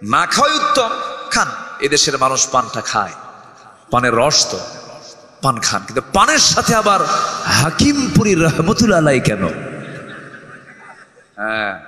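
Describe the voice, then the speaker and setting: A man preaching a waz sermon to a large gathering, joking with the crowd and calling on them to answer louder. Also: medium pitch, huge pitch swings, measured pace, pauses often. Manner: calls on the crowd to answer louder, jokes and shouts. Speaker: Islamic preacher. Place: large outdoor gathering with PA system. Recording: echoey public address over a large gathering.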